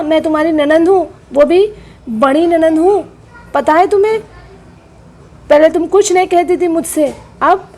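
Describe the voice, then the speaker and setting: A woman voicing a bitter, dramatic middle-aged aunt who scolds and wails in a doll-play soap drama. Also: a little mellow. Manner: shrill, wailing complaints.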